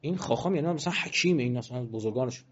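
A man giving a religious talk, slowly reciting verses and swinging from quiet asides to loud, emphatic passages. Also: mid-range voice, lively intonation, highs cut off. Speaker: preacher.

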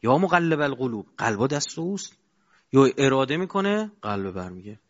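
A man giving a colloquial sermon, asking his audience rhetorical questions and moving between loud and quiet stretches. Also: medium pitch, big pitch swings. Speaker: preacher. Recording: dull lo-fi recording.

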